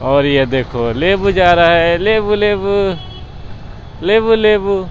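A young man, chatting excitably as he vlogs his motorbike ride and a roadside bike workshop, dropping English words in. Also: high-pitched, slow, muffled recording. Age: young adult. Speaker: motovlogger. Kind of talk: casual vlog commentary while riding. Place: city streets and roadside bike workshop, outdoors. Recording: faint street and traffic noise.

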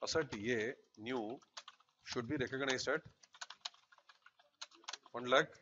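A man's voice: mid-range voice, takes it slowly, sharp tone. A middle-aged man with a Tamil South Indian accent, lecturing and dictating notes as an accountancy teacher, often checking on the class with short questions. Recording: slightly noisy, muffled recording, keyboard clicks.

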